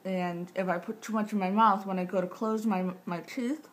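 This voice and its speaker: A woman's voice: mid-range voice, steady tone, moderate pace. Tight-jawed woman vlogging over room noise. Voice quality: tight-jawed speech from recent jaw surgery. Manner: rambling, matter-of-fact, self-interrupting. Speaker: vlogger sharing surgery recovery tips. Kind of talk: casual chat to camera. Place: small living room, indoors. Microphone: camera mic at about arm's length. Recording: clear background room noise.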